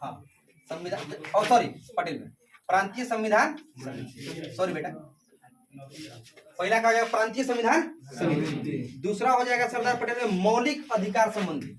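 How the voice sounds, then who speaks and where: A man's voice: high-pitched, lively intonation, normal speed, pauses often, fairly bright tone, distant mic. A male teacher lecturing and drilling a class, repeating questions and calling students beta. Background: students answering.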